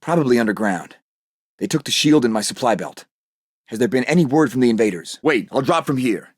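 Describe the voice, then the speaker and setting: An actor playing Captain America, a heroic and determined American soldier, delivering terse, earnest video game lines. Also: male voice, medium pitch, expressive, brisk, slightly rough, no echo, studio quality. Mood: focused, determined.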